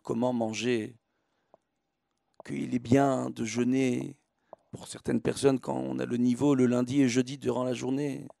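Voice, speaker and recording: Speaking as a rabbi, this man delivers a sermon that draws on everyday analogies, teaching with emphasis, repetition and rhetorical questions. His medium-pitched voice is dark in tone with vocal fry. The studio recording is clean, with no room sound.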